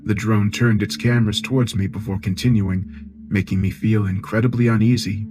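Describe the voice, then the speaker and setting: A man narrating a science fiction horror story in a measured, grave tone, with music behind. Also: lowish voice, steady tone.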